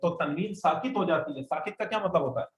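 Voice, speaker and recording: Speaking fast and expressively in a fairly high voice, this man teaches Arabic grammar, explaining the rules patiently and leading his class in call-and-response repetition. Crowd noise, faint background noise, and room echo are audible.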